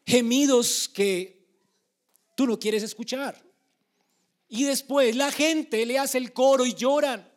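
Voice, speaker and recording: Male preacher with a high-pitched voice, emphatic sermon delivery that swings from soft to loud.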